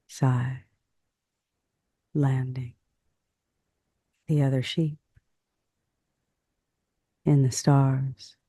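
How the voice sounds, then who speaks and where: A man narrating a guided sleep hypnosis in a hushed, soothing manner, in drawn-out phrases with long pauses. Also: mid-range voice, no echo.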